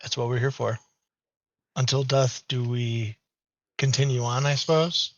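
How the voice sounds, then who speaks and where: Man playing a gentle adventurer, muffled. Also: medium pitch, little pitch movement, a little slow, no echo, lightly acted. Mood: tender. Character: adult male adventurer devoted to his pet. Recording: dull, muffled audio.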